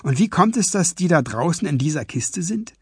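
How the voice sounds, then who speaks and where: A man voicing a sarcastic teenage girl who is a sorceress, with dry, teasing retorts in a husky voice. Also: a little high, sing-song, normal speed, dry recording, pitched above the performer's own voice, heavily acted. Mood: wry.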